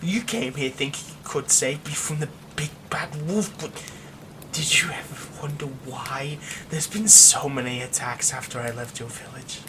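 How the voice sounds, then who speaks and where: A man with a natural, medium-pitched voice whispers slowly, softly and threateningly as a menacing yandere werewolf and old childhood friend in an ASMR roleplay, against a noisy background.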